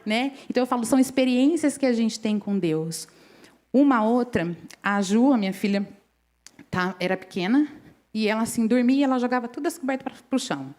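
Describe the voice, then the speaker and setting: A middle-aged woman preaches at a women's church service, sharing personal stories conversationally and often checking in with the congregation. Her voice sits on the high side, with a darkish tone and a brisk pace.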